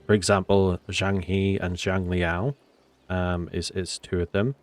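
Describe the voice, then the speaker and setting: Deep-voiced and flat in delivery, this game commentator speaks at a measured pace despite a cold that makes him sound nasal. His casual commentary rambles, full of hesitations and filler words.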